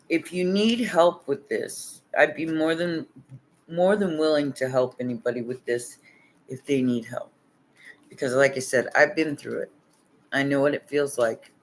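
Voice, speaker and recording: A man's voice: on the high side, slow, pauses often, slight background noise. A man giving a casual livestream tarot reading, laid-back and chuckling as he rambles, sounding tired with his voice nearly worn out. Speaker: tarot reader.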